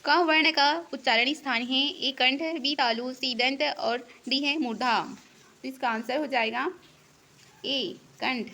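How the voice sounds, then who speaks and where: Woman teacher, fairly high bright voice, steady read-aloud definitions for an exam-prep lesson. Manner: reads definitions in a steady, deliberate teaching cadence.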